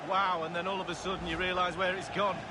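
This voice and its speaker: A man giving relaxed, chatty expert analysis as a football co-commentator in a video game. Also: high-pitched, fast talker. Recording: loud game crowd noise behind.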